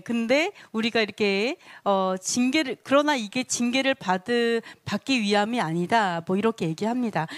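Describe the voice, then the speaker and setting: A woman preaching a sermon in an animated way, often putting rhetorical questions to her listeners. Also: on the high side, dry recording.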